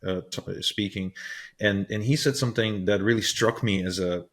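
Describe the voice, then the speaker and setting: A male podcast host reflects thoughtfully on his guest's ideas, pausing to find the right words. His voice sits very low in pitch. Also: a bit bright. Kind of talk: conversational podcast interview.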